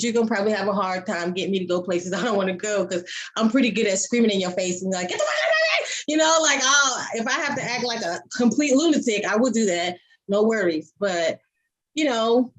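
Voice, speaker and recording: A woman host speaking earnestly in a candid open discussion. Her voice sits at a medium pitch, and she tells stories plainly and openly. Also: poor audio. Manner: earnest, storytelling, with sudden loud bursts.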